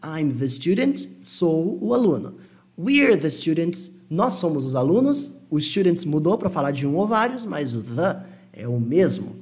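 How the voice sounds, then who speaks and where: A man with a Brazilian Portuguese accent teaching an English lesson, explaining patiently and slowing down to model English phrases. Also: fairly high pitch, very animated, darkish tone. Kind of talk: online language lesson.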